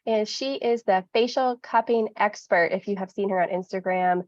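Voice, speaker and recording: A woman's voice: medium pitch, normal speed, a little mellow, no room sound. A woman co-hosting a podcast, introducing her guest with enthusiasm. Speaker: podcast co-host. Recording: dull, dry lo-fi sound.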